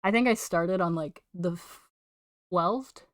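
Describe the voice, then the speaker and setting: A woman's voice: on the low side, slow, no room sound, studio quality. A young woman streaming from her room, chatting casually with viewers and swearing a lot while she draws. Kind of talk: casual live-stream chat while drawing. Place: home room. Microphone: desk microphone.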